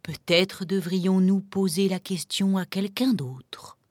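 Gentle female doe, voiced by a woman, whispered, hushed, storybook. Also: mid-range voice, steady tone, slow pace, lightly acted.

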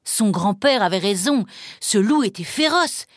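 A woman narrating a children's story in a slow, gentle, clearly paced manner. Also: mid-range voice, animated, dry recording, studio quality.

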